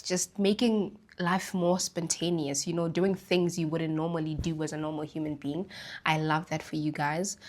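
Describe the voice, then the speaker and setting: A young woman from Botswana hosts a casual solo podcast, rambling in a relaxed way about life and spirituality. Her voice is low, and the flu has left her throat slightly raspy.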